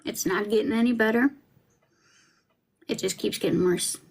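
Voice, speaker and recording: A woman in her forties hosts a podcast, chatting casually on a livestream over a trial feed in a rambling, self-deprecating way. Her mid-range voice is creaky with a breathy edge, at a moderate pace.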